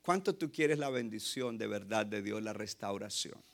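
A man's voice: lowish voice, animated, normal speed, gravelly. A man from Colombia, preaching an impassioned sermon as a pastor and mixing in English phrases.

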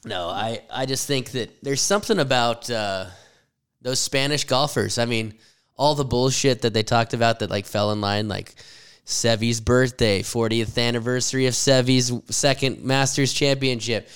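Smooth-voiced man in swearing golf banter. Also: medium pitch, moderate pace. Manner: animated, swears freely, laughs often. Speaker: podcast co-host. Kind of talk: casual golf chat.

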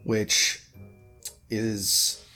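A male game master narrating a tabletop game at an unhurried, drawn-out pace. He meanders and corrects himself mid-sentence, with faint guitar music playing behind him. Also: on the low side, monotone, bright, forceful tone. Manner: slow, meandering, self-correcting.

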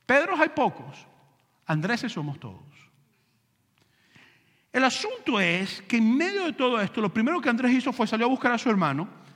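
Animated high-voiced preacher in a reverberant church. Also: male voice, moderate pace, long pauses. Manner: animated, conversational preaching with rhetorical questions. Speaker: pastor. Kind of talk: sermon. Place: church sanctuary with pulpit.

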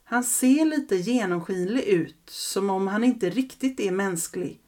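A woman narrating a first-person childhood story in a calm, reflective way. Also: medium pitch.

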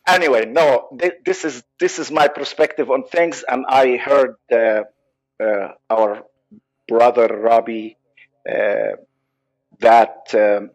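A man's voice: medium pitch, fairly even intonation. Palestinian-accented guy on a podcast, earnest, stops and restarts a lot, muffled lo-fi audio. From Israel. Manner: earnest, halting, many restarts. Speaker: psychologist guest. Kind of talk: podcast interview.

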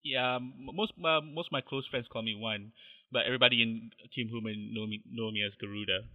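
A man's voice: medium pitch, fairly even intonation, brisk. Modest Malaysian man, dull lo-fi sound. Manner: hesitant, many fillers and restarts, modest. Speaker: podcast guest, fan artist. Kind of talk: casual interview chat.

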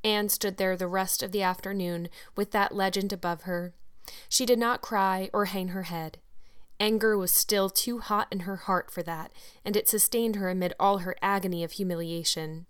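Smooth-voiced woman reading a classic story. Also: lowish voice, a bit bright. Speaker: audiobook narrator. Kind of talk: scripted storybook narration.

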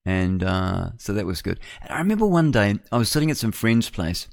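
Speaking a little fast and very animated, a gravelly, fairly low-voiced man in his sixties hosts a radio segment in a New Zealand accent. His opinion monologue wanders conversationally, sprinkled with rhetorical tag questions. It's studio quality, free of room sound.

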